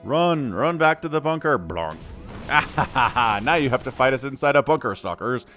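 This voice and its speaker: Loose and conversational, this male shoutcaster covers a replay at a medium pitch and a slightly slow pace, his voice rising and falling widely with his reactions. He jokes, laughs and hums fillers, while faint music plays behind him.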